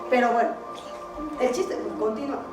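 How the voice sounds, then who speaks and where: A woman's voice: a little high, steady tone, moderate pace. A woman preacher telling a Bible story to her congregation in a sermon, often stopping to quiz them with questions. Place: church meeting hall. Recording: echoey hall, distant mic, music behind.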